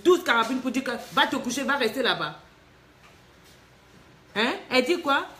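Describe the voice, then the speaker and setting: Woman life coach, slightly high voice, animated and teasing, live advice talk. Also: moderate pace. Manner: animated, teasing, emphatic with rhetorical questions.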